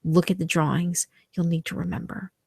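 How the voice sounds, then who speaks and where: A woman voicing a tormented, resigned young man trapped in dreams, slow, grave and pleading, in a horror story. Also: on the low side, little pitch movement, creaky, dark tone, breathy edge, no room sound, clean studio sound. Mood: grave, foreboding. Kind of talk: scripted horror story dialogue.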